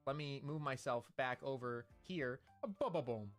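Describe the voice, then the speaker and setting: A man's voice: medium pitch, normal speed, soft background music. A man streaming live, chatting in a hyped, playful, rambling way about his model and schedule. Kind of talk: casual live-stream chat.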